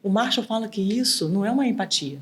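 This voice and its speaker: A middle-aged woman mediator chatting as a podcast guest, animated and acting out quoted dialogue. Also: mid-range voice, fast. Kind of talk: casual podcast interview.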